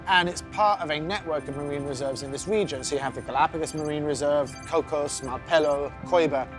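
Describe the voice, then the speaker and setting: Man, scientist interviewee, fairly high pitch, explanatory delivery, music in the background. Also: fairly quick. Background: music under the voice.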